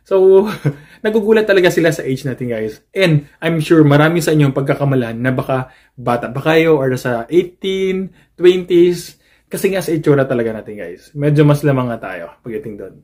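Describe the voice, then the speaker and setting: A man's voice: on the high side, animated, a little fast, darkish tone. A man in his thirties from the Philippines, a nurse, talking casually to viewers in a vlog, switching between Tagalog and English and calling out to his audience as "guys" again and again. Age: 30s.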